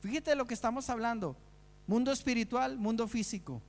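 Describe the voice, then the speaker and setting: A man's voice: very high voice, a little fast, in a large hall. A man preaching a sermon, earnest, asking the listeners rhetorical questions.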